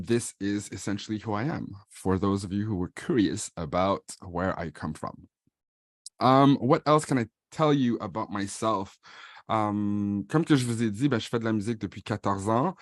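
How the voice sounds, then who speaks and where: A man's voice: fairly low pitch, no room sound, clean studio sound. A man in his thirties with a Franco-Ontarian French accent, introducing himself and his music in a casual bilingual vlog, switching between French and English with easy fillers. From born in Paris, raised in Ottawa. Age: 30s.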